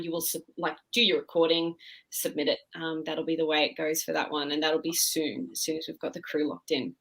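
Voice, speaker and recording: A woman with a slightly low but very bright, forward voice speaks as a director in a casual interview. She is animated and informal, working out her thoughts aloud as she talks. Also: poor audio. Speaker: director of theatre podcast productions. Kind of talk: casual interview talk about upcoming productions.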